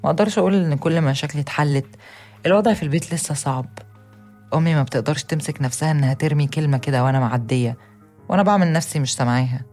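A young woman with an Egyptian accent, giving an earnest, steady first-person account as a narrator. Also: low voice, very fast, soft background music. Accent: Egyptian Arabic. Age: young adult.

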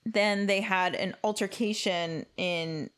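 A woman's voice: medium pitch, fairly even intonation, slow, a bit bright. A young woman co-hosting a casual true-crime podcast, joking as she tells the story. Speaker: podcast co-host.

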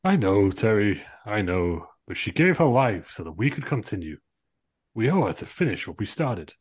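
A man's voice: lowish voice, very animated, normal speed, slightly rough. A man voicing a steadfast, encouraging space hero, earnest and rallying, in an amateur script reading. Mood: solemn.

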